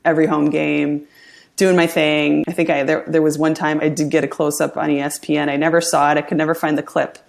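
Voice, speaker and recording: A middle-aged woman chatting as a podcast guest, upbeat and quick to laugh as she tells stories. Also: deep voice, little pitch movement, gravelly. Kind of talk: casual interview chat.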